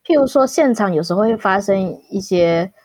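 Female interview guest, Taiwanese Mandarin accent, medium pitch, measured explainer, close dry recording. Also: animated, a little mellow, no room sound. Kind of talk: conversational interview answers.

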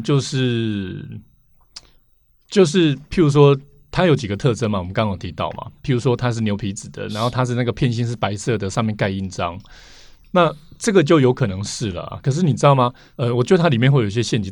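Taiwanese-accented mandarin guy, medium pitch, explaining stuff casually in an interview, close dry sound. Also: lively intonation, fast talker, darkish tone, no echo. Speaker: interview guest, vintage record collector.

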